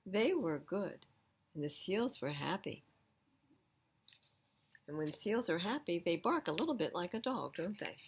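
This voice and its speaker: A fairly low, slightly rough voice carries a sing-song reading of a picture book at a library storytime, a little slow and with long pauses. The woman describes the pictures and adds gentle asides to the children.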